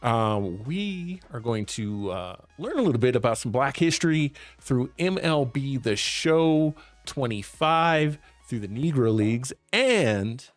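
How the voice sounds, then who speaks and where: A young man hosts a casual gaming stream, chatty and laid-back even though he is losing his voice. He speaks unhurriedly in a mid-range voice with lively intonation, in a dry recording with faint music in the background.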